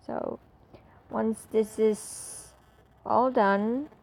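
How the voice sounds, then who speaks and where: Woman, relaxed tutorial voice-over, slow and warm-toned, chatty. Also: a little high, gravelly, poor audio. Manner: chatty, filler-heavy, walks through steps. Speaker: tutorial presenter. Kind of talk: casual screen-recording tutorial voice-over.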